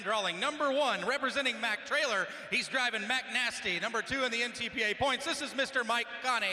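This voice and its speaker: A man's voice: extremely high pitch, sharp tone. A man announcing a tractor pull class over an arena PA, projecting formal introductions of each driver. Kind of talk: live arena announcing of a competitor lineup. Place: large indoor arena. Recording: echoey arena PA, crowd and noise. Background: crowd and arena noise.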